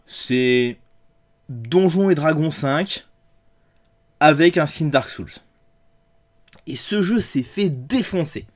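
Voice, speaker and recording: A man hosts a comedic review of tabletop role-playing games. His voice sits a little high, and he talks with dry sarcasm and casual swearing. He slips into theatrical, mocking bits. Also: lively intonation, takes it slowly, pauses often. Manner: sarcastic and crude, with theatrical outbursts. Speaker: host of a tabletop game review show.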